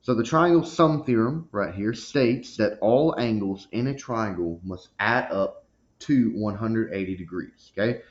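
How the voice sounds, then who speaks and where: A man's voice: lowish voice, unhurried. A man teaching a recorded math lesson, walking through each step and checking in with a frequent "okay?". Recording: dull lo-fi recording.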